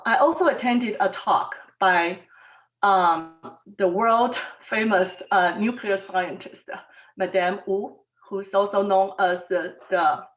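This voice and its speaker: Speaking in a somewhat low voice, a soft-spoken woman born in Taiwan talks haltingly and says um often. She's a math professor on an online panel, offering a personal talk. Sound quality is dull, distant and lo-fi.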